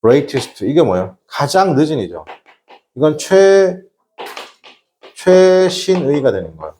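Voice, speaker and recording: A man's voice: a little high, big pitch swings, slow pace, mellow, a little hiss or hum. A middle-aged man teaching a classroom English lesson, chatty and joking, constantly checking in with his students. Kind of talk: classroom lecture.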